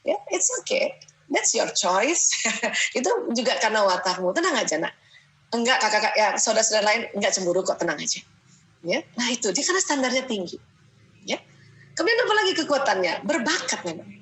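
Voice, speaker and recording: A middle-aged woman giving a lively talk on parenting, sharing family stories, laughing often and tagging her sentences with "ya". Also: on the high side, fast, low-quality recording. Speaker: parenting speaker. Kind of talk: lively lecture with family anecdotes.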